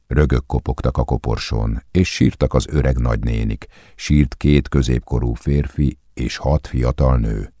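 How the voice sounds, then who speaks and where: A man narrates a literary audiobook in a very deep, gravelly voice with a dark, mellow tone. His reading is calm and measured. The recording is dry and close, as from a studio booth. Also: no room sound.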